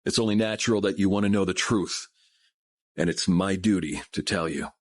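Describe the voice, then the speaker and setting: A man's voice: sits low, fairly quick, background noise, lightly acted. A man playing a grave, middle-aged father and corporate head in a video game drama, speaking formally and solemnly with regret. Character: grave remorseful wealthy father heading a corporate group.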